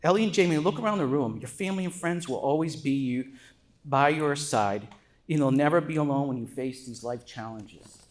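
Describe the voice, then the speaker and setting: A man's voice: medium pitch, normal speed. A middle-aged man giving a father of the bride speech at a wedding, prepared and sprinkled with joking asides.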